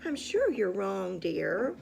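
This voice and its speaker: A woman reading a meek old storybook sister, high and easily alarmed, swooping voice. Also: sing-song, slow pace, vocal fry, a little mellow, breathy edge, exaggerated voice. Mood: pleading. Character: timid agreeable elderly younger sister. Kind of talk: storybook read-aloud.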